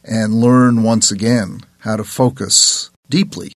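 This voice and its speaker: A man hosting a podcast, wrapping up a guest's story with reflective commentary that rushes through some phrases. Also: fairly low pitch, fairly even intonation, no echo. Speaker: podcast host. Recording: faint music behind.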